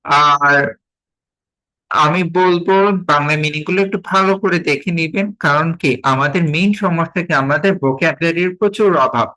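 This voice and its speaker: A man with a Bengali accent teaching a spoken English class over a video call, slowly repeating each word several times for learners. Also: a little high, sharp tone, poor audio.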